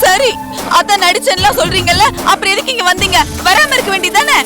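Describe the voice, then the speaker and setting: A woman's voice: extremely high pitch, expressive, fast talker. An actress playing a hurt, confused young wife in a TV serial, who coaxes and pleads with her husband. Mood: pleading. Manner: pleading, coaxing. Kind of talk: TV serial acting. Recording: TV soundtrack with loud music.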